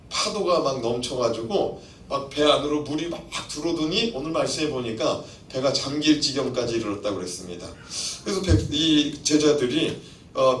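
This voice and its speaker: Animated Korean pastor in an echoey church. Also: male voice, medium pitch, recorded from a distance, slight background noise. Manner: animated preaching, acts out voices and asks the congregation questions. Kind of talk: sermon. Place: church sanctuary.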